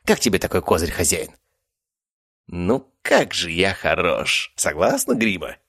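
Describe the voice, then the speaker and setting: A man's voice: mid-range voice, big pitch swings, brisk, no room sound, clean studio sound, pitched above the performer's own voice. A man voicing a grumbling, boastful male cat werewolf with a cheeky, purring manner in an audiobook.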